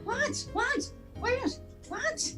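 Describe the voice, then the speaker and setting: A woman plays a jittery housemate who spirals into panic. Her high voice stumbles over repeated words and climbs as she gets worked up. Faint music sits behind her. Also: animated. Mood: flustered. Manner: flustered, repeats herself, quick to escalate. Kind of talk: improv comedy scene.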